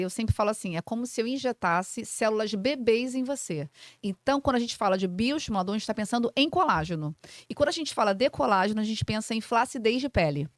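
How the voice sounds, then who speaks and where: A woman's voice: mid-range voice, no room sound. A woman in her forties from Brazil, a clinic owner and physiotherapist, explaining treatments in a didactic, casual podcast chat. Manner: didactic, explains with simple comparisons and frequent fillers.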